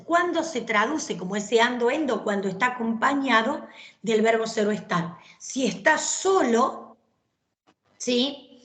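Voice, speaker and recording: A woman, teaching an English grammar class and explaining patiently, often checking that students follow. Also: fairly high pitch. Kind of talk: online class lecture. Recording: roomy echoey recording.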